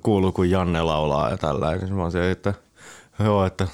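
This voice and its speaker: Deep-voiced man telling a story, amused. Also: fairly even intonation, darkish tone, smooth. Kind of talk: casual anecdote telling.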